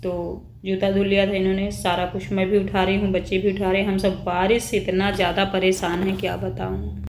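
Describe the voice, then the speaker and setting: A woman's voice: mid-range voice, level tone, a little fast. A woman chatting casually with viewers as she cooks in her home kitchen, narrating what she is making. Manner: chatty, addresses viewers as friends. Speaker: home cooking vlogger. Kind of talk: casual cooking vlog narration. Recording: roomy kitchen echo, faint background noise.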